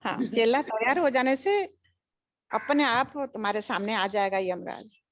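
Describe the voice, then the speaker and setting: A woman's voice: on the high side, lively intonation, a little slow, dry recording. An older woman giving a spiritual teaching, emphatic and repetitive, mixing English phrases into her talk. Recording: dull lo-fi recording.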